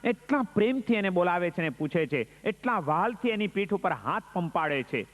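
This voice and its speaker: A man's voice: high-pitched, very animated, moderate pace, in a large hall. A man who is a monk preaching a sermon, telling a story with dramatic, emphatic rising lines.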